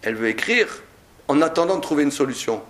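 A man teaching a lively Talmud class to a group, explaining with animated, theatrical examples. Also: a little high, fast. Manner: animated, acts out examples with mock anger. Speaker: Torah teacher. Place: study room with a group. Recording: roomy echo.

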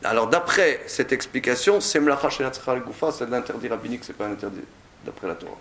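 A man teaching a lively Talmud class to a group, explaining with animated, theatrical examples. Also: mid-range voice, fast talker, a little hiss or hum. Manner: animated, acts out examples with mock anger. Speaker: Torah teacher. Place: study room with a group. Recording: roomy echo.

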